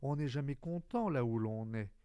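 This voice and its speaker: A man's voice: mid-range voice, normal speed, mellow, clean tone, no room sound, pitched above the performer's own voice, close to an everyday voice. A man reading an audiobook, voicing a plain, matter-of-fact railway switchman.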